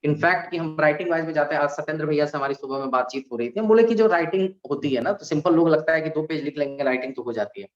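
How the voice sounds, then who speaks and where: A man, an alumni guest on a panel, talking in an animated way and explaining with examples and rhetorical questions. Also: on the high side, fast, hardly any pauses. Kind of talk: conversational panel talk. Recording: dull lo-fi recording.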